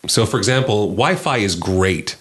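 Low-voiced man explaining tech, full of ums. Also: expressive, moderate pace, fairly bright tone. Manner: explains eagerly, many ums. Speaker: podcast co-host. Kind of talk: casual tech podcast chat.

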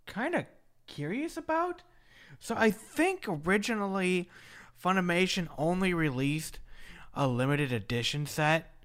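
Lively-voiced man rambling on a podcast. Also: fairly high pitch, clean tone. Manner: rambling, trailing off with fillers. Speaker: podcast host. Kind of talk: casual chat.

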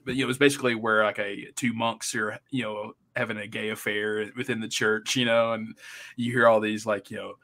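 A man co-hosting a podcast in casual chat, telling animated stories and laughing as he goes. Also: lowish voice, brisk. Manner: animated storyteller, laughs mid-sentence. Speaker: podcast co-host.

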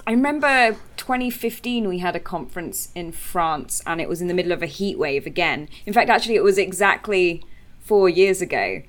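A woman's voice: on the low side, animated, brisk. A woman with a British accent hosting a casual science podcast conversation. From Britain. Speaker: podcast host, exoplanet researcher.

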